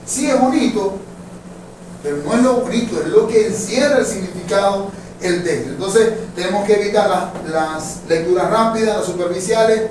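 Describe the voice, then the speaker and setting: In a church hall, a high-pitched man with a darkish tone leads a Bible class, addressing his audience as brothers. He keeps it conversational and frequently checks for their agreement and understanding. A distant mic picks up heavy echo and faint noise.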